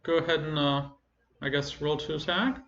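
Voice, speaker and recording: Casual game master, roomy lo-fi sound. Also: male voice, a little high, fairly even intonation, fairly bright tone. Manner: casual and halting, many fillers. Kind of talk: narrating a tabletop game.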